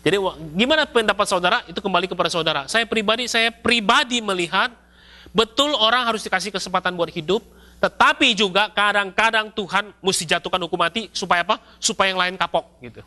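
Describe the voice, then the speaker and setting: A male pastor, preaching a sermon in a lively, storytelling way with casual slang. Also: high voice, fast talker. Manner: lively storytelling, acts out scenes with shouts and mock voices; casual colloquial Jakarta-style slang mixed in.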